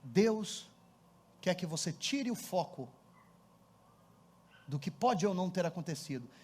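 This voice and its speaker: A man's voice: high voice, animated, measured pace, darkish tone, husky. A man with a Brazilian Portuguese accent preaching a sermon as pastor, telling a story with animation and building to fervent appeals.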